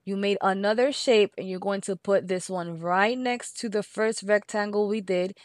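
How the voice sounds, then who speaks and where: A woman with a Spanish accent talks through a software craft tutorial step by step, slowing down to repeat each number. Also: mid-range voice, no room sound, studio quality. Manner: patient, repeats steps and numbers slowly.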